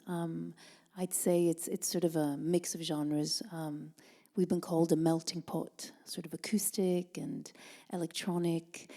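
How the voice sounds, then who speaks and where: Her voice sits low with a creaky texture: she's a jazz singer and bandleader from Italy who grew up in Denmark, being interviewed. She considers each answer carefully, hesitating with plenty of ums and uhs, her soft speech occasionally fading to a near whisper.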